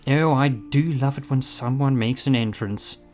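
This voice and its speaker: A jovial, quick-witted adventurer, played by a man, talks with theatrical confidence at a medium pitch. Music runs behind his breezy, self-assured audio drama lines. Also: a little mellow, natural voice. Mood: intrigued.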